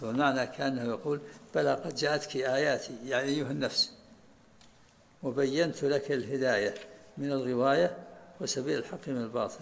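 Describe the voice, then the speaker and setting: Brief: sheikh teaching a religious text, fast-talking, gravelly voice, faint background hiss. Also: male voice, medium pitch. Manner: explains by repeating and rereading lines of the text. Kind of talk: commentary in a religious lesson.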